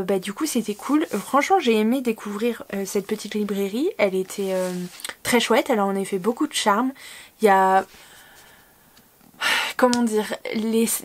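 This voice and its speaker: A woman's voice: medium pitch, a little hiss or hum. A woman chats casually to camera about her book hauls. She rambles, fills gaps with hesitations and corrects herself mid-sentence. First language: French. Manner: rambling, many fillers and self-corrections. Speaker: book vlogger. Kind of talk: casual chat.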